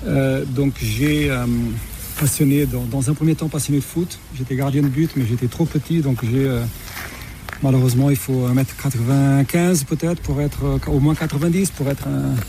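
A Portuguese-born man, a tennis umpire, speaking French in an interview at an outdoor tournament, halting with fillers. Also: medium pitch, fairly even intonation, mellow. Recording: interview with clear background noise.

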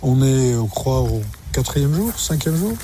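A man's voice: mid-range voice, expressive, measured pace, noisy background. A man reporting for radio from a tennis tournament and introducing his interviewee, somewhat hesitant. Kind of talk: field interview.

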